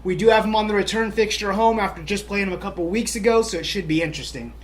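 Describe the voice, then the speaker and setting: On a laid-back soccer talk show, a male co-host talks fast in a high-pitched voice. He stays upbeat and chatty, peppering everything with "you know" and other fillers.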